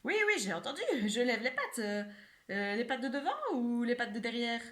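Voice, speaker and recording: A woman voicing a chatty, easily startled little female mouse, high and flustered. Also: animated, normal speed, fairly bright tone.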